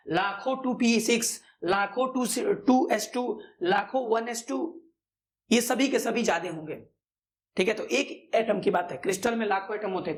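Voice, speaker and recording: A man's voice: extremely high pitch, creaky. Man teaching physics, quizzing himself aloud. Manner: asks quick questions and answers them himself; repeats key terms over and over. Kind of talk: classroom-style lecture.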